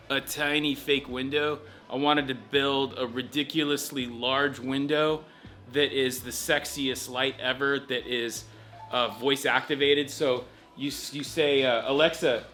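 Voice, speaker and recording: Enthusiastic, bright-voiced studio owner. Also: male voice, medium pitch. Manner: enthusiastic, easygoing. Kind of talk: casual explanation. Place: indoor photo studio.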